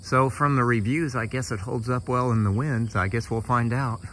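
A steady, fairly bright medium-pitched voice moving at a moderate pace. A middle-aged American hobbyist, he gives a casual, plain-spoken show-and-tell outdoors, in a yard and on a roof, while insects can be heard.

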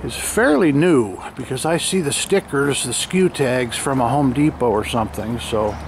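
This vlogger, operating a handheld camera, wanders an abandoned motel's lot outdoors and offers casual, observational commentary on the fly. He speaks in a mid-range, animated voice with vocal fry at a moderate pace, and the recording is noisy with an ambient roar.

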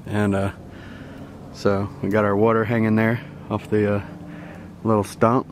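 A young man shows off his riverside campsite in a loose, easygoing tour, chuckling often as he rambles. His voice is fairly low with little pitch movement, and his pace is measured. He's recorded outdoors on a handheld camera mic, with faint outdoor noise.

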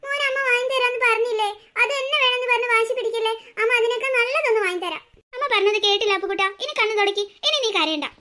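A woman voicing a gentle, patient young mother in a cartoon story, soothing and coaxing her children. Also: very high-pitched, fast talker. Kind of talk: cartoon voice acting.

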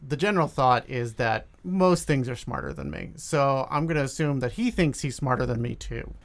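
A man's voice: medium pitch, animated, normal speed, gravelly. A man playing a tabletop role-playing game, casually describing what his character does.

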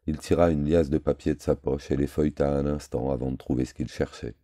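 Male audiobook reader, very deep voice, dark tone, dry close sound, measured delivery. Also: fairly even intonation, no room sound. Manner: measured, terse storytelling. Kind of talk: scripted novel narration.

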